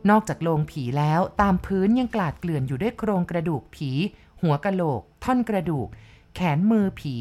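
A woman reading a ghost story aloud in the first person, with measured, vivid descriptive narration. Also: lowish voice.

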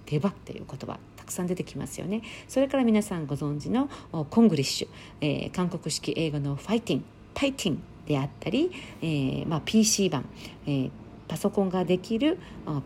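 A middle-aged woman talks alone into her podcast mic, slow to explain and easy in her pauses. Her voice sits low and mellow. A faint hiss of noise runs under her voice. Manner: calm, explanatory, with frequent fillers. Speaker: podcast host. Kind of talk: solo talk show. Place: home near Seoul.

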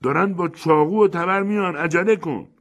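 Man doing a panicky king yelling, pitched way up, husky, audiobook. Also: animated. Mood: panicked. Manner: shouting in alarm. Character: panicked fleeing native king, a grown man.

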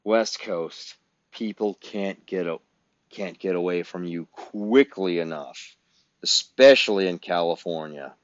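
A man's voice: sits low, a little slow, no room sound. A man, ranting bluntly and profanely as a podcast host. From Illinois, US Midwest. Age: 50s. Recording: dull, dry lo-fi recording.

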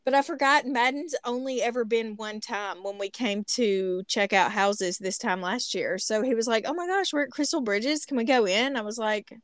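A woman's voice: fairly high pitch, moderate pace, hardly any pauses, no room sound, studio quality. A middle-aged woman with a Southern American hillbilly accent, chatting casually and self-deprecatingly as a podcast host. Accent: Southern US hillbilly, Appalachian-like. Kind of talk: casual chat.

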